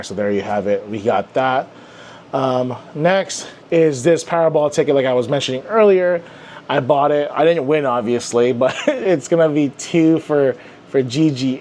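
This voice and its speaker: Young male vlogger, easygoing and rambling, mid pitch, faint room hum behind him. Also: a little mellow. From Filipino heritage. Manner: chatty, rambling, with many fillers. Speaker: comic channel host. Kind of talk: casual desk tour vlog.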